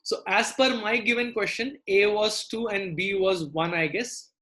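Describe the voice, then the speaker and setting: A woman's voice: mid-range voice, measured pace, fairly bright tone. A woman with a South Indian accent teaching a live online maths lesson, repeating phrases and often checking in with students.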